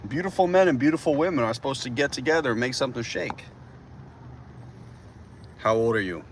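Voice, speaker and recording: A man's voice: medium pitch, a little fast, slight background noise. A man in his twenties streaming live while driving through a city, chatting casually and rambling. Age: 20s. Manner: rambling, animated, says bro a lot. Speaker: livestreamer. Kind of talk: casual livestream chat.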